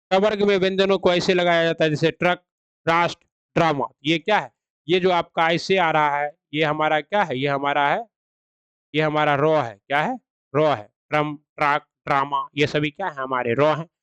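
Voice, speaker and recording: A man gives an online grammar lesson, setting out each rule and then quizzing the listener with questions he answers himself. His voice is smooth and clear and sits a little high. It is recorded close up in a dry room. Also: dry recording. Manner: explains rules then quizzes with rhetorical questions. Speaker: Hindi grammar teacher. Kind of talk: online exam-prep lecture.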